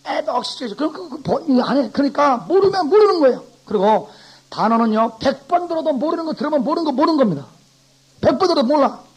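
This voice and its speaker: A pastor giving an animated classroom lecture, a man who acts out his examples and swings from loud to soft. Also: extremely high pitch, fast talker, poor audio.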